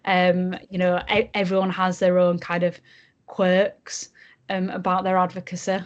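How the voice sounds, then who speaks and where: Young yorkshire woman, broad accent, lowish flat voice, lots of ums, chatting on a podcast, slightly muffled audio. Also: a little slow. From Yorkshire, England. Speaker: junior barrister, podcast guest. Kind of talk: casual podcast interview.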